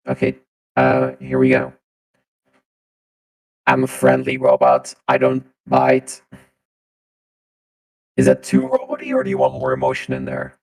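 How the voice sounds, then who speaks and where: Deep, gravelly robot. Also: male voice, measured pace, long pauses, heavily acted, low-quality recording. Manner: tries lines flat and robotic, then with more feeling. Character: friendly robot champion with glitchy updates. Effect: deep voice changer pitch-shift. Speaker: voice actor trying out lines. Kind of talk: voice-line tryout on a live stream.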